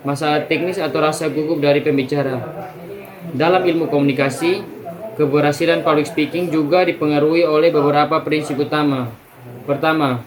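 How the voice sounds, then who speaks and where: Young male student presenter, slightly high voice, reads points in order, clears throat between items. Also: low-quality recording. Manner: steady, list-like delivery with restarts and throat clearing. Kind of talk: reading a class presentation.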